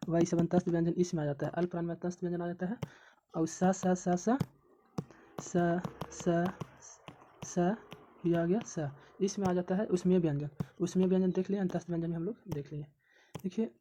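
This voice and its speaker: A woman with a low, mellow voice leads an exam coaching lesson, saying each syllable aloud again and again. The recording is dull and lo-fi, with a faint hiss behind her. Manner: repetitive, drills syllables aloud. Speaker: teacher.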